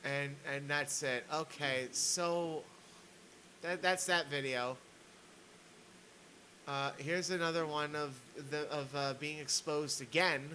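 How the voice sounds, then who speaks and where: A man's voice: fairly high pitch, fairly even intonation, slow pace, pauses often, pushed and bright, slight background noise, rough recording. A man streaming a ranting commentary, reading posts aloud in a sarcastic, mocking way.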